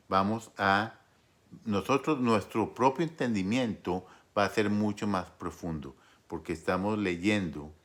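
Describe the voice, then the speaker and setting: A man preaching a sermon in an earnest, exhorting way, with frequent pauses. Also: deep voice, a bit bright. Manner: earnest, exhorting, pausing often.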